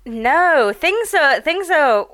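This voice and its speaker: A woman's voice: sits high, very animated, extremely slow, fairly bright tone. A woman co-hosting a podcast in casual chat, with a playful, joking manner. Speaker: podcast co-host. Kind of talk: casual chat about anime.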